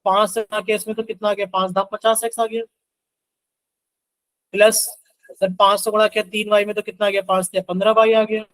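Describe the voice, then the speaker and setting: A man's voice: high voice, level tone, brisk, pauses often, fairly bright tone, dry recording, rough recording. A man teaching an online math class, coaxing students to answer and working sums aloud with chanted multiplication tables.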